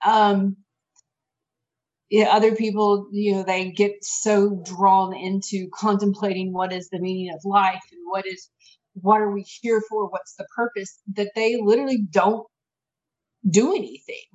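A woman's voice: mid-range voice, fairly even intonation, unhurried, a little mellow, lo-fi sound. A woman co-hosting a casual podcast, talking things through reflectively with many restarts. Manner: reflective, with frequent restarts and fillers. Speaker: podcast co-host.

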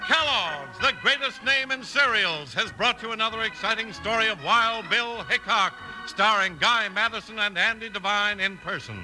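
A man's voice: high-pitched, moderate pace, hardly any pauses, pushed and bright, rough recording. An American man announcing a vintage radio show from a script, with emphatic, showy delivery. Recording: old radio recording over music.

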